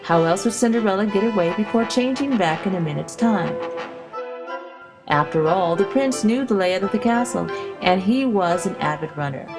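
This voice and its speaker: Over background music, a woman reads scripted, storybook-style narration for an educational video, explaining things and posing rhetorical questions. Her medium-pitched voice is expressive and moves at normal speed.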